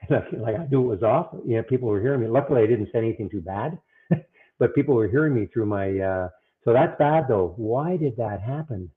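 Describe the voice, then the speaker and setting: A mid-range male voice sounds muffled, as if heard through a wall, because he's using earbuds instead of his microphone, giving a thin, phone-like quality. In casual chat he talks in a flustered, halting way, full of fillers and restarts.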